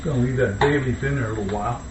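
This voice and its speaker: A man's voice: mid-range voice, racing. Man, casual cooking talk, easygoing, thinking aloud, dull roomy kitchen sound. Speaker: home cook hosting a cooking video. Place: indoors, kitchen. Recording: distant mic, dull, echoey, noisy room.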